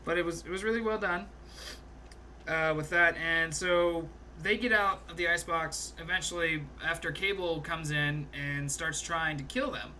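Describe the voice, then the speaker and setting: A young podcast co-host chats eagerly about a film he loved in a casual movie review, recounting scenes in a loose, animated way with lots of laughter and the occasional swear word. His voice is very bright and forward, a little high, at a moderate pace, with a faint hiss beneath the recording.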